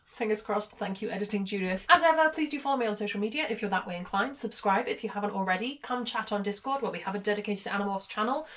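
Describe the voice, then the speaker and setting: A woman's voice: mid-range voice, fairly bright tone. A woman recapping a novel in a casual vlog, chatting with light jokes and reading passages aloud. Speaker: book reviewer.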